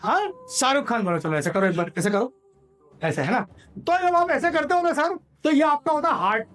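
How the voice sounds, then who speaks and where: A male sales trainer giving an energetic motivational seminar in a hall and drilling the audience to repeat his lines. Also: extremely high pitch, moderate pace, soft background music.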